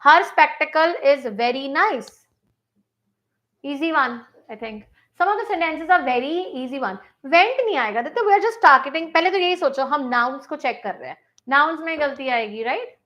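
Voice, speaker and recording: Indian woman teacher, high bright voice, unhurried live grammar lesson switching between Hindi and English. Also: animated, dull audio. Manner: mixes Hindi and English, reads sentences slowly then explains fast. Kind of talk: live online grammar class.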